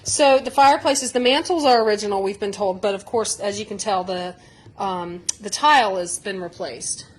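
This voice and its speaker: A woman calmly explaining the history of an old house on a tour, with hedges and fillers. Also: medium pitch, normal speed, poor audio. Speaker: history museum staff giving a house tour.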